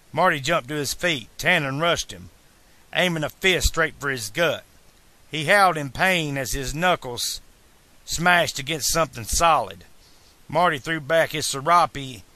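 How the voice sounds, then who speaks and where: A man reading a novel aloud as a fan audiobook narrator, in a slow, deliberate way. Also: on the high side, pushed and bright, dry recording.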